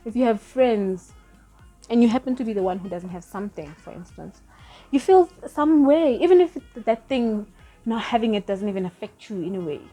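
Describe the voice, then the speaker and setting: A woman in her thirties who isn't a native English speaker offers earnest, rambling spiritual advice in a casual vlog, often correcting herself. Her voice is a little high, animated and warm at a moderate pace. The audio is poor, with faint music behind her.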